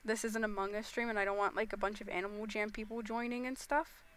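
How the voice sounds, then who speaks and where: A woman's voice: mid-range voice, level tone, quick pace, fairly bright tone, a little hiss or hum. A teenage girl streaming a game, talking casually and rambling with lots of fillers. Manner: rambling, chatty, full of fillers like "you know" and "like". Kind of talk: casual game livestream chat.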